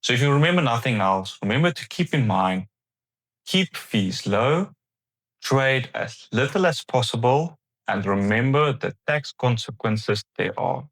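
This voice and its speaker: A man's voice: mid-range voice, animated, unhurried, fairly bright tone, dry recording, low-quality recording. A man hosting an informal explainer for viewers, speaking in a conversational, plain-spoken, advisory way. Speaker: host of an investing series.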